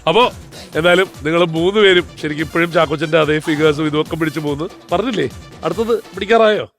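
A man's voice: on the high side, fast, fairly bright tone, soft background music. A man hosting a stage talk show, chatting enthusiastically and rambling, mixing in English words. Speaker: host. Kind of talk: casual chat on a stage show.

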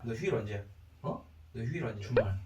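A man's voice: mid-range voice, lively intonation, fast, reverberant, distant mic. A drunk man rambling and swearing coarsely in rowdy, casual livestream banter at home. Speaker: live streamer. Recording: noisy background, home livestream.

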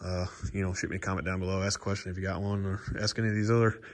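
A man's voice: sits low, flat delivery, rapid-fire, no echo. Blunt, rambling man in a machine cab. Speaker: skid steer owner reviewing his machine. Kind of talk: casual video review. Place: inside a small machine cab.

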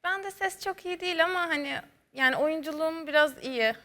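A woman in her twenties, a studio guest answering in a measured way with frequent hesitations. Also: very high-pitched, pushed and bright. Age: 20s. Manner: measured, with many filler hesitations. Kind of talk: interview answers. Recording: long studio reverb.

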